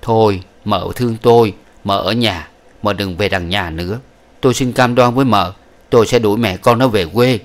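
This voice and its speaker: A man's voice: mid-range voice, animated, moderate pace, a bit bright, natural voice. A man reading an audiobook, voicing a weak young husband who begs and pleads. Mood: pleading. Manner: pleading, begging. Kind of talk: audiobook character voice.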